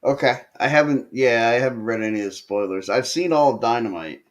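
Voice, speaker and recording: A man's voice: mid-range voice, fairly quick. A man co-hosting a casual wrestling podcast, retelling matches with lots of fillers and restarts. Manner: animated storytelling with frequent fillers and restarts. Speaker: podcast co-host.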